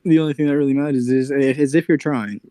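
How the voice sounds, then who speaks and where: A man's voice: medium pitch, fairly even intonation, fast, dark tone, dry recording. Stammering easygoing man, dry sound. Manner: easygoing, hesitant, stammers and restarts. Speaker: guest commissioning a drawing. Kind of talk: casual chat.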